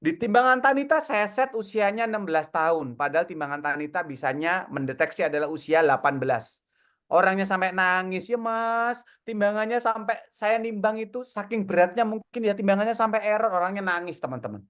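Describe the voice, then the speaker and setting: A man, coaching an audience in a casual online Q&A and telling lively stories. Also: high-pitched, brisk. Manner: lively, encouraging, tells stories with acted quotes. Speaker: coach answering audience questions. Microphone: video call.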